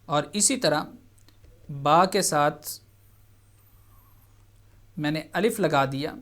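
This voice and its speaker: A man hosting a televised Quran reading lesson, who explains patiently, repeats each point and draws out the sounds slowly. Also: a little high, fairly bright tone. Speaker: Quran teacher and TV host.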